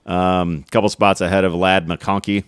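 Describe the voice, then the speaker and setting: Guy w a lowish voice cracking jokes on a sports podcast, dry close mic. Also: level tone, moderate pace, clean tone, no room sound. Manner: joking, swears freely, teasing. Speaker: podcast co-host. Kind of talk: casual banter about fantasy football.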